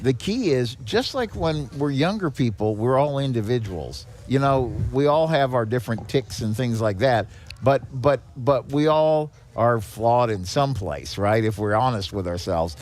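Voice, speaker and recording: The executive director of a seniors nonprofit, appearing as a podcast guest, explains things conversationally, posing rhetorical questions and checking in often. His mid-range voice is animated and a little mellow, and he speaks a little slowly.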